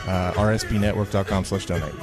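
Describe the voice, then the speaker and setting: A man's voice: deep voice, fast talker. An American man hosting live coverage in an informal, conversational way, with some hesitations. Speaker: broadcast host. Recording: loud music playing behind voice. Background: music.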